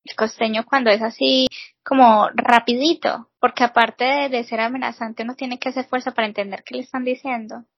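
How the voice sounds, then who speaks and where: A woman's voice: fairly high pitch, fairly even intonation, fairly quick, vocal fry, breathy edge, dry recording, dull audio. A woman co-hosting a podcast, chatty and laughing easily in casual talk. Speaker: podcast co-host. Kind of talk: casual chat.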